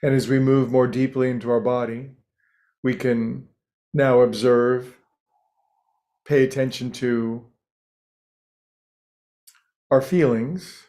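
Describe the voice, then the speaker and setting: This is a man acting as meditation teacher, soothing and gentle, who pauses frequently as he guides listeners. His voice sits mid-range and barely moves in pitch.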